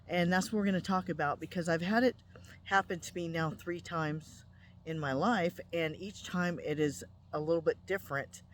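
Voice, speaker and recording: A woman's voice: on the low side, normal speed, a little hiss or hum. A middle-aged woman hosting a spiritual channel, telling a personal story in a casual, conversational way, with frequent ums and restarts.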